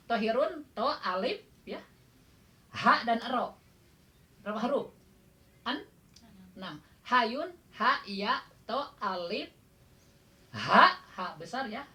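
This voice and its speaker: A woman's voice: fairly high pitch, expressive, sharp tone. A woman with a Sundanese accent teaching Quran recitation in a casual class, quizzing her students and chuckling often. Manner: counts out drawn-out letters as demonstration. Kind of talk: informal classroom lesson.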